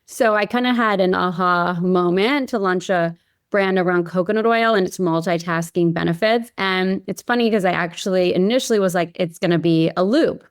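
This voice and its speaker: Speaking at normal speed in a low, clean-toned voice, a woman from Hawaii, United States, talks as a podcast guest about her path as a company founder. The chat is casual, full of filler such as "you know" and "like," and the studio audio is clean with no room sound.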